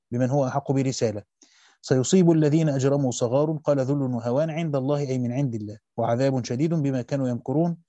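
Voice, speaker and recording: A man with an Egyptian accent races through a classical commentary, stopping now and then to correct a word or add a casual aside. His voice is dark and mellow, recorded dry and close. The sound is dull and lo-fi. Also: mid-range voice, no echo. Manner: rapid reading with quick self-corrections and colloquial asides. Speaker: teacher reading a Quran commentary aloud. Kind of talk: fast read-through of a classical text with brief asides.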